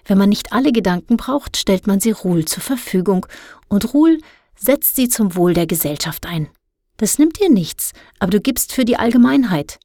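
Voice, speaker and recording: A woman's voice: medium pitch, animated, normal speed, mellow, no room sound, clean studio sound. A woman reading a snippy, preachy teen girl. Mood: lecturing. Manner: snippy, lecturing. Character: snippy, self-righteous teenage girl. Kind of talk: audiobook character voice.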